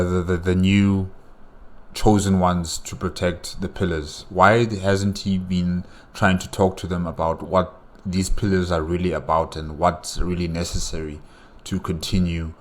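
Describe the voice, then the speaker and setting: A man with a very low voice reacts casually and off the cuff. He feels his way through each thought haltingly, repeating words and leaning hard on the ones that matter. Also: level tone. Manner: halting, repetitive, emphatic. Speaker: reaction video host.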